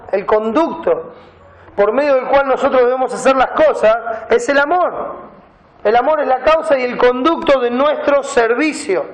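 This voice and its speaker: A pastor delivers his sermon in a high voice, reading Bible verses and unpacking the words. The sound rings around a reverberant church hall. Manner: preaching, reads scripture aloud and explains Greek words.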